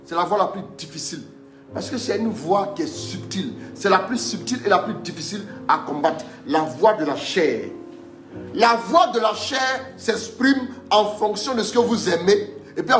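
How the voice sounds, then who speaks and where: A man's high-pitched, expressive, fairly bright voice carries at a moderate pace through an echoey room with soft background music. He's preaching a live-streamed teaching sermon, repeating phrases emphatically, urging listeners, and having scripture read aloud.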